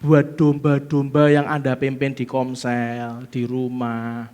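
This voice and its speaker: A middle-aged man with a Javanese accent preaching a sermon, swinging between loud exclamations and soft asides and throwing rhetorical questions at the congregation. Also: mid-range voice, monotone, slow pace, dull audio. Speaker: pastor.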